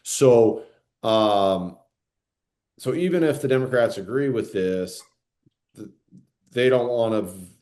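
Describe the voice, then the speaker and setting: A man's voice: lowish voice, slow pace, pauses often, a little mellow. A man co-hosting a podcast in casual chat, rambling with lots of fillers and "right?" tag questions. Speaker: podcast co-host.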